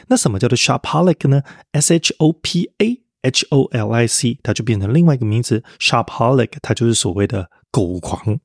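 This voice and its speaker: A man's voice: mid-range voice, a little mellow, no room sound, studio quality. A man teaching English vocabulary in a podcast lesson, explaining word roots step by step and spelling words out letter by letter.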